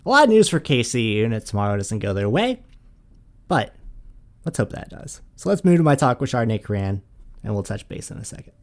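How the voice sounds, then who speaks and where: A man's voice: medium pitch, very animated, brisk. A man from St. Louis hosting a soccer podcast, laid-back and full of casual fillers. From St. Louis, USA. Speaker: podcast host. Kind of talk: casual interview chat.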